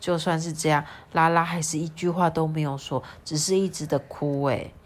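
A woman reading a picture book aloud to a child, chatty and lively with asides. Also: low voice, normal speed. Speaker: storyteller.

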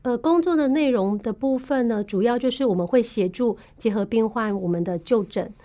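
A woman with a Taiwanese Mandarin accent who works as a tuberculosis case manager, explaining her work patiently in a podcast interview, pausing often on fillers. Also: on the high side, mellow. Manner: patient, explanatory, measured with frequent filler pauses.

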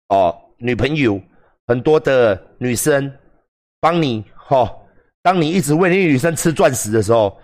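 A man with a Taiwanese accent giving crude, profane, joking livestream commentary. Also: mid-range voice. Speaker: streamer.

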